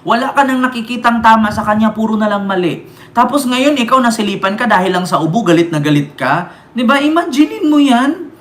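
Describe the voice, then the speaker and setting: A man's voice: high-pitched, fairly quick, a bit bright. A man from the Philippines doing heated political commentary as a vlogger, scolding his target and reading out viewer comments, with constant rhetorical questions. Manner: scolding, rhetorical, keeps asking "di ba?". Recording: echoey room with faint ambience.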